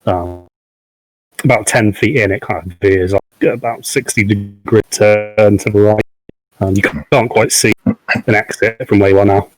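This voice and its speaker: A man narrating as game master of a tabletop game, pausing often with ums and hedging words. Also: fairly low pitch, steady tone, low-quality recording. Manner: hesitant, many ums and "kind of".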